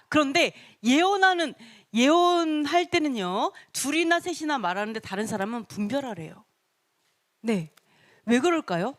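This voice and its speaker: A woman leads a church Bible study with a bright, fairly high voice. Her pitch swings widely as she talks. She acts out little quotes and laughs often as she explains.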